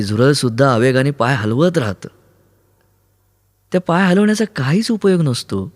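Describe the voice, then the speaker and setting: Man narrating an audiobook with lively pitch. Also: no echo, studio quality. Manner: dramatic storytelling with rising intensity. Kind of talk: scripted narration. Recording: narration over ocean and wind sounds.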